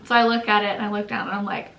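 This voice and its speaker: A young woman co-hosting a channel, telling a story in a casual, animated way, acting out quotes and laughing often. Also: medium pitch, a little fast, very noisy. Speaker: channel co-host. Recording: echoey room.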